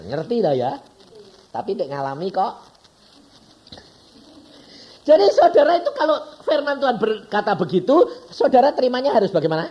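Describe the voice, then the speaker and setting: A man's voice: very high voice, moderate pace, pauses often, lo-fi sound. A man with a Javanese accent preaching a sermon in a chatty style, firing questions at the congregation. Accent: Javanese-accented Indonesian. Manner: lively, conversational preaching with frequent questions to the congregation. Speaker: evangelist preacher.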